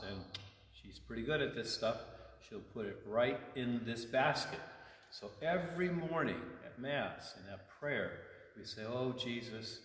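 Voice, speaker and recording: A medium-pitched, somewhat bright male voice belongs to a priest hosting storytime for children in a large church. Informal and simple, his faith lessons repeat key points and pause often for checking questions. Expect a very echoey room with long reverb and faint background noise.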